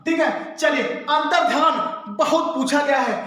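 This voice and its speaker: A man's voice: very high voice, unhurried, bright, forceful tone. A male teacher giving an exam-prep lesson, who keeps asking questions and answering them himself. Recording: very echoey room.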